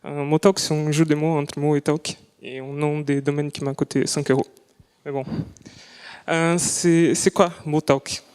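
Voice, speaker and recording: Speaking French as a second language, a young man gives a live presentation of his student project in a lecture hall, choosing words carefully and frequently starting over. His slightly high voice is smooth, flat and measured, with a darkish tone and long hall reverb.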